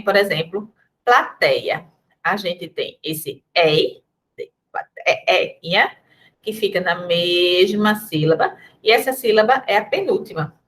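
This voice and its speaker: A woman's voice: medium pitch, fairly bright tone. A woman with a Brazilian Portuguese accent giving a recorded grammar lesson, speaking to her students in a chatty, direct way. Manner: chatty, addresses students directly, reads comic asides aloud. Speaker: teacher.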